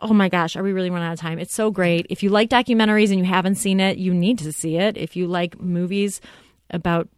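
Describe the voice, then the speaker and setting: A woman co-hosting a casual film podcast, talking excitedly and rambling with lots of fillers. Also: on the low side, fast talker, clear, resonant tone, no room sound. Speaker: podcast co-host.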